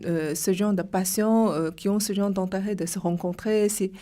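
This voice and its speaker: A woman's voice: medium pitch, steady tone, moderate pace, dark tone. Hesitant woman from China, searching for words. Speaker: club co-founder guest. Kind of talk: interview.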